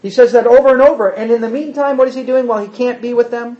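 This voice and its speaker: A man's voice: very high-pitched, fast talker. A man teaching a Bible class in conversational style, acting out quotes and asking the room questions. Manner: animated, acts out quotes, asks the room questions. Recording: roomy, dull lo-fi room recording.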